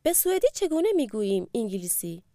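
A woman narrating a language course and clearly prompting the listener to repeat after the speaker. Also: mid-range voice, sing-song, warm tone, no room sound, clean studio sound. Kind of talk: scripted lesson narration.

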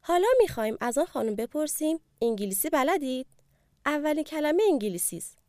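A woman narrating a language course and clearly prompting the listener to repeat after the speaker. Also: sits high, expressive, warm tone, no room sound, clean studio sound. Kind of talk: scripted lesson narration.

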